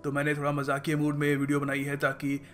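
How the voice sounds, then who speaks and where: Casting: man, slightly high voice, unhurried playful teacher, faint music under him. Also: completely flat delivery, fairly bright tone. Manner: playful, acts out common mistakes, says words slowly to demonstrate. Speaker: pronunciation teacher. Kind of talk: casual spoken lesson with a joking tone.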